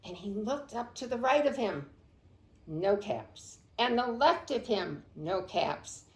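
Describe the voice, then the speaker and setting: A woman librarian reading a picture book aloud to children, expressive and unhurried, praising the kids by name. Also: mid-range voice. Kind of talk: storytime read-aloud. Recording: roomy echo.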